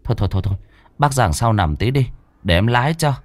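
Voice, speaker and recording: A man's voice: mid-range voice, lively intonation, quick pace, no echo, natural voice. Guy playing a young train helper, chatty, asking stuff, dry sound. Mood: puzzled. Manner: casual, questioning. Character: young male train assistant, puzzled.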